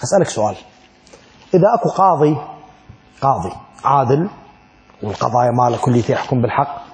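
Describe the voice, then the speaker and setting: A middle-aged man with an Iraqi Arabic accent teaches a classroom lesson on Islamic law, speaking quickly in a mid-range voice with lively intonation. He poses rhetorical questions to the students and acts out little dialogues.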